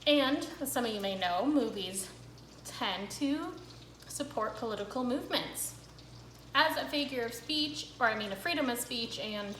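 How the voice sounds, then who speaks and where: A woman's voice: a little high, expressive, moderate pace, fairly bright tone, echoey room, slight background noise, low-quality recording. A young woman hosting a cooking vlog, chatting casually to camera with a rambling, filler-filled manner.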